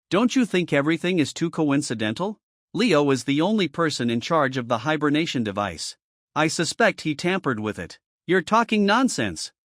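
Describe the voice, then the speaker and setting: A man's voice: fairly high pitch, no room sound, clean studio sound. A man reading a recap story, narrating and reading every character's lines in the same voice. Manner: reads every character's lines in his own voice. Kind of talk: scripted narration.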